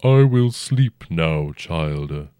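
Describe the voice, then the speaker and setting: A man voicing a huge, very old and noble dragon who speaks slowly and formally with a rumbling tone. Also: lively intonation, mellow, smooth, no echo, clean studio sound, full character voice. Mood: stately, probing. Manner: slow, stately and formal, old-fashioned speech. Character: ancient noble dragon, huge, calm and probing.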